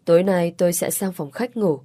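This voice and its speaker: A woman's voice: lowish voice, fairly quick, mellow, no room sound, close to an everyday voice. A woman reading a patient young man. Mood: calm. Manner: patient, placating. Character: young man, polite and considerate employer.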